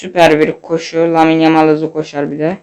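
A young man commentating his own football video game match, excitable and jokey, shouting at his players, with a sore throat. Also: a little high, a little fast, clear, resonant tone. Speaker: gaming channel host. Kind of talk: live gameplay commentary.

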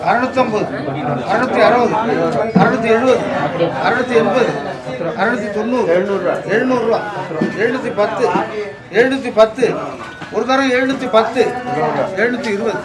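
A man working as a fish auctioneer, rattling off rising bids in a fast sing-song chant at an outdoor village market. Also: very high voice. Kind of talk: rapid auction calling. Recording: echoey, loud crowd around.

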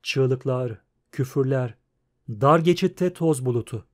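A man narrating an audiobook in a steady, measured reading. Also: mid-range voice. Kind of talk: scripted narration.

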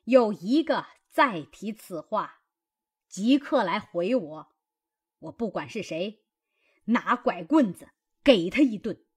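A man's voice: sits high, lively intonation, slow, husky, voice pushed up, heavily acted. A man voicing a stern, commanding old grandmother who scolds her grandson.

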